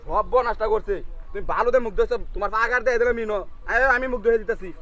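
A man's voice: extremely high pitch, fairly even intonation, very fast, a bit bright. A man with a rural Bangladeshi accent playing an exasperated younger brother, coaxing and nagging in an amateur comedy skit. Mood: reassuring. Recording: dull outdoor recording with faint noise.

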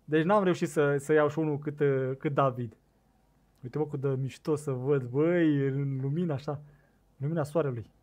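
A young man with a Romanian accent giving casual commentary on a fishing game, excitable and talking to his viewers, on a desk microphone set too loud. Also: fairly high pitch. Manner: excitable, shouts bursts at the game, talks to viewers. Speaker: gaming streamer.

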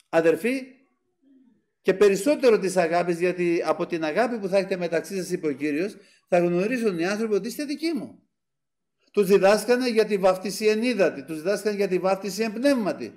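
A man's voice: sits high, animated, a little mellow. A man preaching a sermon with fervor, swelling on key phrases and often addressing the brethren. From Greece.

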